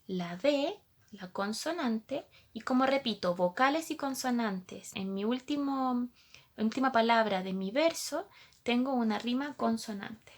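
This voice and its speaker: A woman's voice: on the high side, lively intonation, measured pace. A woman teacher, patiently explaining a lesson to young pupils and asking them questions as she goes.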